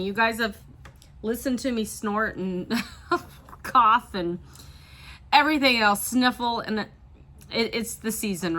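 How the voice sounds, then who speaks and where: Bright-voiced chatty woman with a sniffle. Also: medium pitch. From US Midwest. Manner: chatty and apologetic, with small laughs. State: sniffly, with a tickly throat. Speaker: part-time reseller vlogger. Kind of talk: casual chat to camera.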